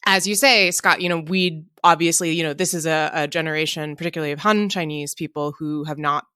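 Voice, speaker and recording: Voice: mid-range voice, steady tone, brisk, bright, forceful tone, smooth, no echo, studio quality. A person talking off the cuff on a political panel, in a discursive, intellectual way with nerdy digressions.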